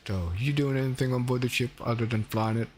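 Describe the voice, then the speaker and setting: A native Swedish speaker with a Swedish accent chats and rambles while streaming a space game, giving casual commentary. He is talkative and often corrects himself, speaking quickly in a mid-range voice.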